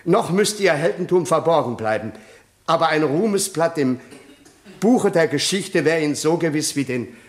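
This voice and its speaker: An actor playing a witness who gives calm, matter-of-fact testimony in a 1960s radio drama. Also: male voice, fairly high pitch, moderate pace, lightly acted. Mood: measured. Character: calm male witness giving sworn testimony.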